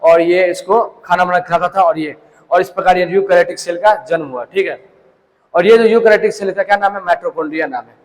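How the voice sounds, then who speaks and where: Brisk and high-pitched, a young man teaches a biology lesson in storytelling style, raising questions only to answer them himself. He's in a large hall, captured on a low-quality recording.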